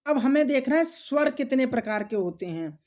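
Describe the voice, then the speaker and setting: A woman teaching an exam-prep grammar lesson, repeating key points and answering her own questions, clearing her throat often. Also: sits high, animated, darkish tone. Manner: slow, repetitive, asks and answers own questions; addresses viewers as friends.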